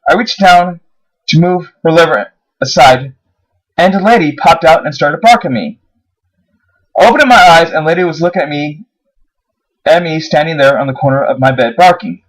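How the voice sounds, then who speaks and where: A man's voice: on the high side, animated, moderate pace, pauses often, low-quality recording. A man reading his own first-person horror story aloud, his voice rising on the dramatic moments. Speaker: narrator.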